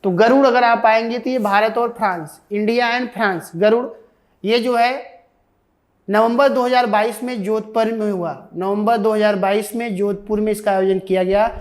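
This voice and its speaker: A woman's voice: mid-range voice, fairly even intonation, normal speed. A woman with an Indian accent giving an online exam coaching lecture, repeating key points and answering her own questions. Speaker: defence exam coaching teacher.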